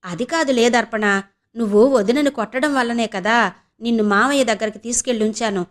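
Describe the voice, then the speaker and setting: A woman's voice: on the high side, brisk, lightly acted. A woman voicing a worried middle-aged mother who coaxes and frets over her daughter in an audio novel. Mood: anxious. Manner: coaxing, fretful.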